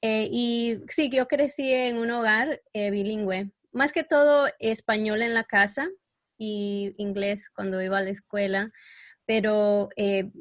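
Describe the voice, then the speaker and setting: A woman's voice: medium pitch, steady tone, takes it slowly, no echo. A middle-aged woman from El Salvador, raised in New York, speaking as a guest in a casual podcast interview. She talks hesitantly, with many fillers, and sometimes searches for words. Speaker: guest expert.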